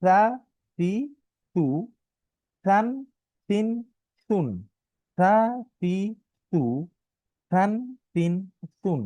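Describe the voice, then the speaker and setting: This high-pitched man pauses often and draws out his words as he patiently drills Arabic letter sounds in a live online lesson, asking learners to repeat syllables. His Bangladeshi Bengali-accented voice is steady, smooth and darkish, stretching some sounds in a half-sung manner. The recording is dry.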